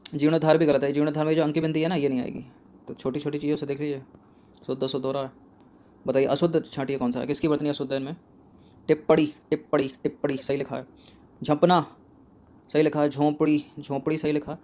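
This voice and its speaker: A man's voice: fairly high pitch, level tone, fast, dark tone. Man quizzing students on Hindi spelling. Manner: repeats each word, asks and answers his own questions. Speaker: exam coaching teacher. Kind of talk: spelling quiz lesson.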